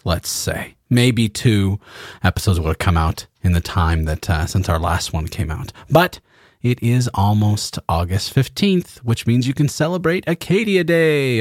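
Low-voiced man rambling on a podcast. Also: dry recording, studio quality. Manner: rambling, joking, swears freely. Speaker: podcast co-host. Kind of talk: casual chat.

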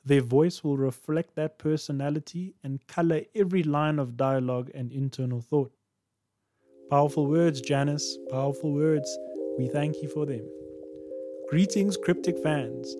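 Playful male podcast host, warm voice. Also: fairly high pitch, moderate pace, soft background music. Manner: playful, jokey asides. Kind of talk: scripted podcast narration.

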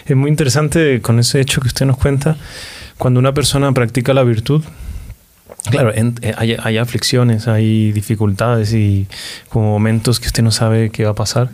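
A man's voice: mid-range voice, flat delivery, moderate pace, darkish tone. A man hosting a religious podcast, reflecting earnestly on faith and addressing his listeners directly. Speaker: podcast host.

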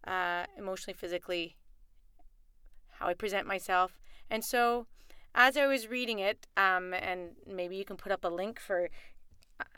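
A woman's voice: medium pitch, normal speed, pauses often, bright, forceful tone, clean tone, no echo, clean studio sound. A woman in her late forties, a podcast guest speaking reflectively and searching for words in a casual chat. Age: late 40s.

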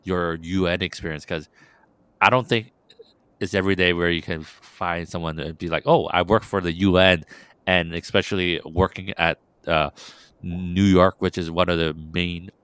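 A man's voice: sits low, level tone, moderate pace, a bit bright, clear, resonant tone, no room sound. A man hosting an interview, asking long rambling questions full of fillers. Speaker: interview host. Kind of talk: podcast interview.

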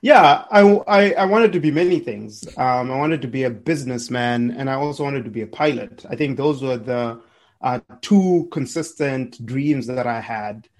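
A Zimbabwean man, appearing as a podcast guest, tells his story in an upbeat, chuckling manner and often restarts words. His voice sits at medium pitch with a moderate pace, in a casual storytelling interview.

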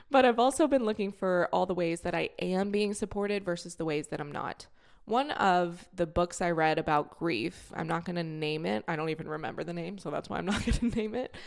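A woman's voice: fairly low pitch, moderate pace, gravelly. A woman in her thirties, a podcast host and coach, talking candidly and casually in a solo episode while grieving. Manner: candid, conversational, swears casually.

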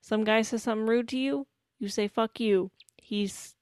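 A woman co-hosting a casual podcast, chatting about a film with deadpan, jokey asides. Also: fairly high pitch, moderate pace, no room sound, studio quality. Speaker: podcast co-host. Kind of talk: casual film discussion chat.

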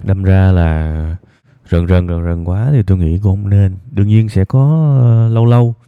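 Low-pitched southern Vietnamese man, phone-like sound. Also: clear, resonant tone, no room sound. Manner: deliberately low-toned, subdued, unhurried delivery. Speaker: host of an evening advice programme. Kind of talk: reflective advice talk to listeners. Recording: thin, phone-like band-limited sound.

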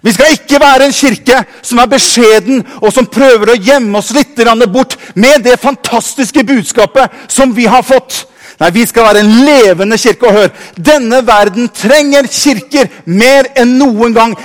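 A high-pitched man, preaching in a church hall. His fervent sermon swells from low, thoughtful passages to ringing shouts. The long reverb of the hall trails after each phrase. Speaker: pastor.

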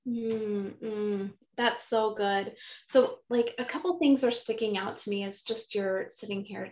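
A woman's voice: medium pitch, steady tone, a little slow, darkish tone. A chatty, enthusiastic woman hosts a podcast interview, often restarting her sentences. Her voice sits in a roomy space. The sound is slightly dull and muffled. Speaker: podcast host.

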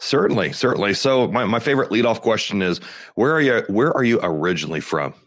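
A man's voice: on the low side, lively intonation, quick pace, a bit bright. A man hosting a business podcast, reading an upbeat intro and then chatting, often repeating his words. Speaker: podcast host. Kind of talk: scripted intro then casual interview.

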